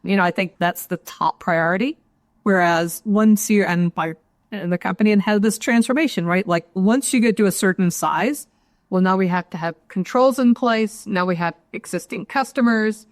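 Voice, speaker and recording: A woman, an actuary guest in an interview, explaining her points in a measured way and often adding "right?". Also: mid-range voice, dry recording, studio quality. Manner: measured, explanatory, adds tag questions. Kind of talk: interview answer.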